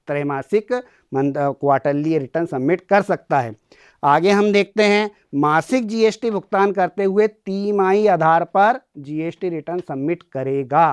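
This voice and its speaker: A male college lecturer, speaking in a fairly high voice. He walks through the material step by step, repeating key terms and posing questions he then answers himself. The sound is dry and close. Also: darkish tone, no room sound. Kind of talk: classroom lecture on tax returns.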